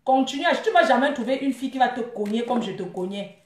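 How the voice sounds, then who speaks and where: A woman's voice: fairly high pitch, animated, quick pace. A young woman ranting at a rival in a mocking, scornful vlog, laughing often as she taunts. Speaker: vlogger. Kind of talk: taunting live rant. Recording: echoey room.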